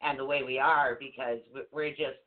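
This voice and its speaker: A woman's voice: extremely low pitch, fairly even intonation, moderate pace. A woman hosting an online talk show, chatting in a rambling, self-interrupting way, a bit stuffy with allergies. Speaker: show host. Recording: tinny phone-like call audio.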